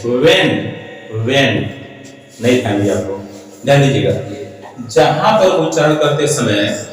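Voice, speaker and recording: A man teaching spoken English, who repeats each word again and again and keeps asking the class questions. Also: a little high. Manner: repeats words over and over, asks the class rhetorical questions. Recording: echoey hall, voice from far off.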